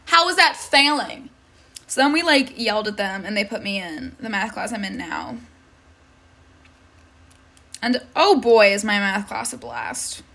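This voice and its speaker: A woman's voice: mid-range voice, animated, a little slow, creaky, long pauses, a bit bright. A teenage girl venting about school in a casual vlog, exasperated, swearing and saying "like" constantly. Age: teens. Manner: exasperated, swears a lot, many likes. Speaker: high school student.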